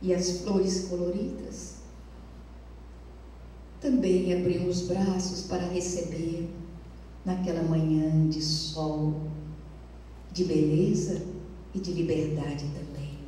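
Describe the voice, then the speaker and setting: A woman lecturer tells a story in a lyrical, measured way during a spiritual talk. Her voice is slow and mellow. It reaches a distant mic with a long, ringing reverb and faint room noise. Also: fairly low pitch, flat delivery. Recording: echoey hall, mic far off.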